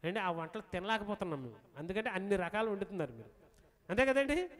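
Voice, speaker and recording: Male pastor, very high voice, animated sermon delivery with acted-out pleas. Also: fast talker. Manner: animated, acts out pleading quotes. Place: church.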